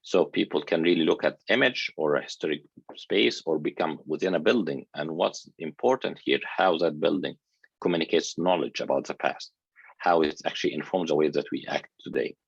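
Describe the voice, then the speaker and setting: A man from Egypt delivers a conference lecture in a very low, gravelly voice with a husky edge. He talks earnestly and haltingly, often restarting his phrases. The sound is dry and dull, like a lo-fi recording. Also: dry recording. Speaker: architecture researcher giving a talk.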